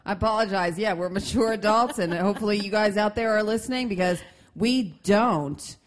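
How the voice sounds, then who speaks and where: A young woman co-hosting a casual podcast, relaxed and slangy, her throat a little hoarse. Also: mid-range voice, a little fast. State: slightly hoarse, coughing. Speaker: podcast co-host. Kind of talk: casual chat.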